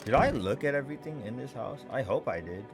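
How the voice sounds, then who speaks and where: A man hosting a gaming video, thinking out loud in casual, slangy let's play commentary. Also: medium pitch, animated, fast talker, over music.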